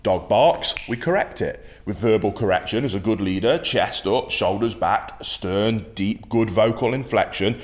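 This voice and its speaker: A man's voice: on the low side, measured pace, hardly any pauses. Firm, emphatic male dog trainer. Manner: firm, emphatic, repeats key points. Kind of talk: instructional talk to camera.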